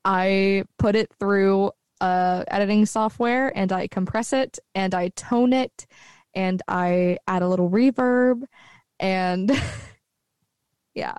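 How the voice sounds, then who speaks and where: A low-voiced woman co-hosts a podcast, relaxed and chatty and quick to laugh in casual conversation. She speaks slowly and clearly with a resonant tone. The dry, studio-quality recording comes from her own microphone, which has bass roll-off.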